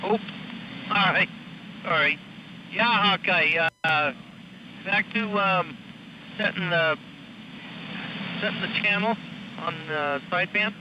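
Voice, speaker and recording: A man's voice: sits high, slow, pauses often. Man on mistuned sideband radio, hesitant. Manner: hesitant, many fillers. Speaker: radio net check-in operator. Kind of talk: casual on-air radio chat. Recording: muffled noisy radio reception.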